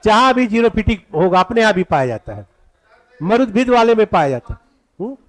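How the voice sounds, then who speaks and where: A male teacher with a high, very animated voice leads an exam-prep class in a classroom. He keeps asking the students questions and answering them himself. He dictates each point slowly, over and over.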